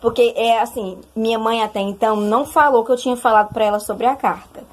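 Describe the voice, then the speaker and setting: A young woman with a slightly husky, higher-pitched voice tells her story in a lively, chatty way. She keeps turning to address her listeners directly as she recounts a personal testimony. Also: quick pace. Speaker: testimony speaker.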